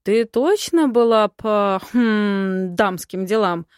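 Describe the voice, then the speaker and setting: A woman's voice: mid-range voice, takes it slowly, smooth, dry recording, studio quality, lightly acted. A woman doing a grumpy, rude old lord. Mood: suspicious. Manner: growling, indignant. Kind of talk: audiobook character voice.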